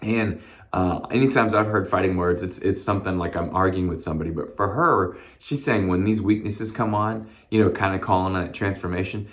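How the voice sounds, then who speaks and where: A pastor with a hoarse, low-sitting voice gives a short, casual devotional message at a slightly fast pace, peppered with fillers and restarts.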